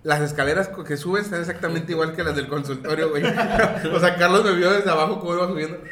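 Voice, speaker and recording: A man's voice: on the high side, fast talker, echoey room, slight background noise. A Mexican man recounting a story in casual chat, slangy and quoting others. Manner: relaxed, slangy, quotes others in dialogue.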